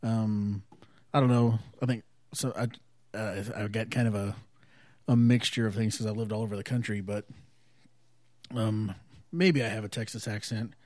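Speaking at a fairly low pitch with a steady tone and moderate pace, this man leaves long pauses and sounds a little mellow. He hosts his own casual solo podcast at home by an open window, chatting in a laid-back, rambling way full of fillers and chuckles. The studio-clean sound has no echo.

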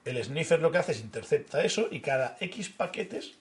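A man's voice: a little high, normal speed. A man, co-hosting a podcast and telling stories animatedly, acting out the dialogue. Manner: animated storyteller who acts out dialogue. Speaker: podcast co-host. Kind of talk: casual storytelling chat.

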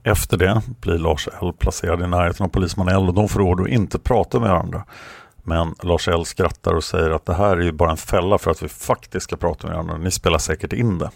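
A man narrating a true story, reading passages from a book aloud with his own commentary in a steady, plain manner. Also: sits low, vocal fry, no room sound, clean studio sound. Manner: steady, plain, occasional hesitations.

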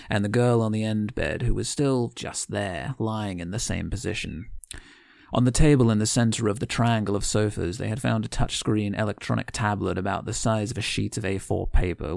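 A male podcast co-host talks loosely and then reads his own prose aloud, wandering and self-correcting as he goes. His voice is low and heavily gravelly, with a close, dry sound. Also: dry recording. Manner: rambling, self-correcting storyteller. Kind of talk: casual chat and reading aloud from his own writing.

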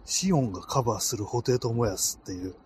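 With a mid-range, slightly mellow voice, a podcast host talks a little fast as he strolls a night street, phone in his cold hands. His casual solo show rambles with lots of fillers. Faint outdoor street ambience and slight background noise sit underneath.

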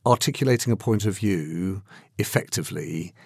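A man hosting a news discussion podcast, brisk and chatty as he moderates the panel on a close studio mic. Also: low voice, creaky, husky, no room sound. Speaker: podcast host.

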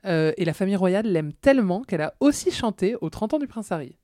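A woman hosting a casual podcast, relaxed and wry as she prompts her guests. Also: mid-range voice, quick pace, no echo, studio quality. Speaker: podcast host.

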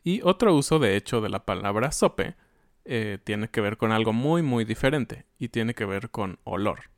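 A man with a Mexican accent who explains slang in a casual lesson, often agreeing with a quick "ujú". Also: on the low side, animated, dry recording, studio quality. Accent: Mexican Spanish. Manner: affirming with frequent "ujú", explanatory. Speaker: Spanish teacher.

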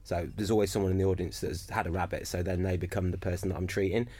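A man's voice: low voice, fairly even intonation, fast talker, darkish tone. A man, a stand-up comedian, chatting casually on a podcast, swearing and laughing often. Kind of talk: casual banter.

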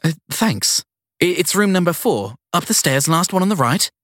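A man's voice: high voice, very animated, moderate pace, fairly bright tone, no room sound, clean studio sound, pitched above the performer's own voice. A man doing a flustered young receptionist woman. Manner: hesitant, stammering and apologetic.

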